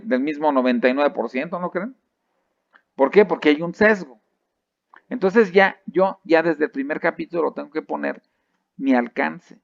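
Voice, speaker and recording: A man's voice: medium pitch, gravelly, no room sound. A man with a Mexican accent giving a conversational lecture on thesis methodology, full of fillers and restarts, often checking in with rhetorical questions. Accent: Mexican Spanish. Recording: dry, dull lo-fi recording.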